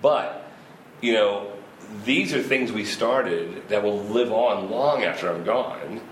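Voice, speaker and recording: Man in his fifties, festival organizer, rambling casual talk, laughs a lot, lowish voice, echoey room. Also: animated, slow. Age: 50s. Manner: rambling, laughs often, frequent restarts. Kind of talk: casual interview chat. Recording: roomy echo with faint ambient noise.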